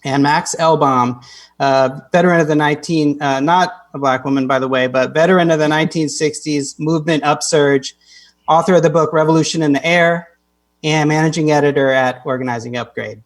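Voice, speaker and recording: A man co-hosting a live panel, introducing guests with a somewhat halting delivery. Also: on the high side, fairly even intonation.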